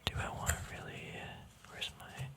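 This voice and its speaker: This male ASMR vlogger, focused on card games, keeps to a breathy whisper without any voiced tone. Relaxed and chatty, he murmurs along at normal speed as he sorts through trading cards.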